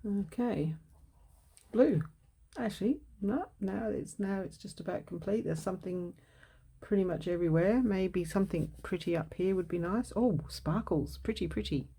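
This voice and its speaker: Gravelly, mellow-voiced woman crafting. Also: medium pitch, moderate pace. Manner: muses aloud while working, self-correcting. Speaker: craft video host. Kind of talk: casual crafting narration.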